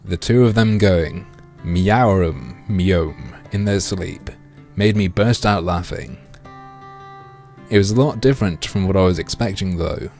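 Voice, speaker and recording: A man with a low-pitched voice livestreams through a headset mic, reading a game aloud and joking crudely with his chat in a deadpan way.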